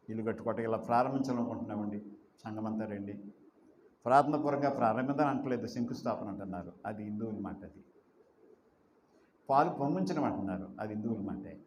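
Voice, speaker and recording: A man's voice: mid-range voice, a little mellow, roomy sound, a little hiss or hum. A man preaching a sermon as pastor, emphatic, asking rhetorical questions and drawing out repeated phrases.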